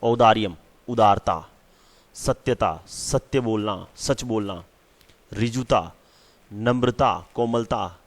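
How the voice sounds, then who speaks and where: A man's voice: lowish voice, slow pace. A man teaching a school lesson, repeating key words and checking in with "theek hai" often.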